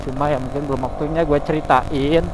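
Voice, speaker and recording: A man's voice: a little high, fairly even intonation, a little fast. A man, chatting candidly and rambling from the heart while riding a motorbike at night. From Cianjur, West Java. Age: 20s. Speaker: vlogger. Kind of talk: casual confessional chat while riding at night. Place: outdoors on a motorbike at night in town traffic. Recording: loud road and traffic noise.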